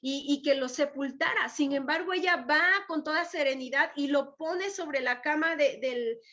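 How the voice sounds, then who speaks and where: A woman teaching a Bible lesson in a relaxed, conversational way, acting out the characters' words. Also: high voice, normal speed, lo-fi sound. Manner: retells scripture in conversational voices, many fillers. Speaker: women's ministry preacher.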